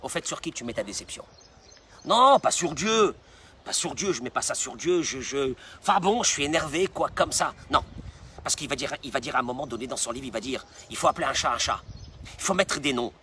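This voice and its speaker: A man's voice: medium pitch, animated, a little fast, bright, forceful tone, a little hiss or hum. A man, a rabbi, preaching a sermon in an emphatic way, repeating phrases for stress.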